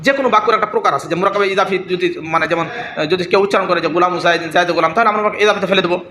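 A man teaching a grammar class, talking very fast in a bright, forceful voice. He repeats each point and often asks whether his students understand. The sound is roomy and echoey, with a faint hiss behind it. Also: high voice, fairly even intonation. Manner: repetitive, checks students' understanding; mimics sounds. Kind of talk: classroom lesson.

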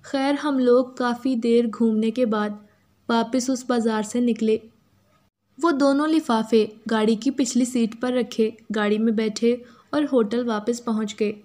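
Mellow-voiced woman narrating a story. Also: fairly high pitch, steady tone, a little slow. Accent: Urdu. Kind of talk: scripted first-person story narration.

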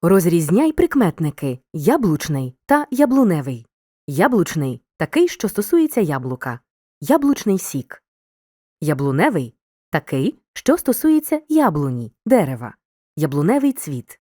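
A woman reading a scripted video lesson as a teacher, giving examples in a clear, deliberate way. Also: deep voice, very animated, darkish tone, no room sound, clean studio sound.

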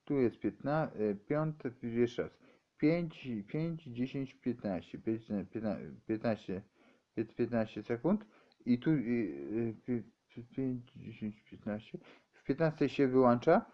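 A man giving a rambling, halting explanation, stumbling over words and restarting often. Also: medium pitch, lively intonation, highs cut off.

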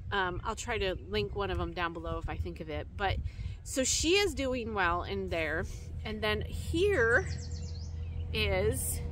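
A middle-aged woman chats casually to a camera set some distance away, full of ums and restarts. She is mid-pitched, with a slightly roomy, off-mic sound. A clear layer of ambient noise and passing vehicles sits underneath her voice. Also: a bit bright. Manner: chatty, many ums, restarts. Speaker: rabbit keeper vlogger. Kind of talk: casual vlog talk. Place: barn with cement floor, then outdoors in a yard. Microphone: camera a little way off. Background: passing motorcycles and outdoor ambience.

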